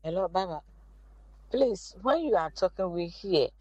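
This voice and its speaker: A listener's recorded voice note played on air, loud and polite, making a request to the host. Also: mid-range voice, lively intonation, unhurried, no room sound. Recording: dull lo-fi voice note, dry.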